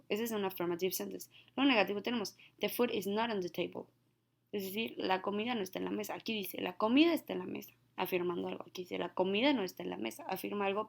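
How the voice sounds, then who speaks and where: A woman, an English teacher giving a recorded grammar lesson who slows right down to read out example sentences. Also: mid-range voice, creaky.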